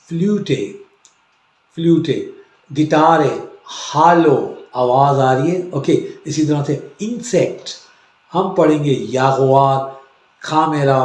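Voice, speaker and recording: Slow, mellow-voiced male language teacher. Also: a little high, reverberant. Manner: slow, explanatory, repeats words for drilling. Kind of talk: classroom-style language lesson.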